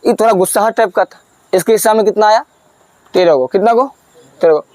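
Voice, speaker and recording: A high-voiced male teacher. He quizzes the class and answers himself, repeating key terms. The recording is close and dry. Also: fast, darkish tone, dry recording. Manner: asks questions and answers them himself, repeats key words. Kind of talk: classroom lesson.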